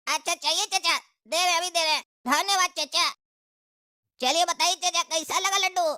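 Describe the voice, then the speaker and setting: A woman's voice: very high-pitched, fairly even intonation, moderate pace, pushed and bright, dry recording, clean studio sound. A woman voicing a poor young sweets hawker who coaxes and pleads with a passenger in a cartoon comedy. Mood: coaxing. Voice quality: pushy, pleading.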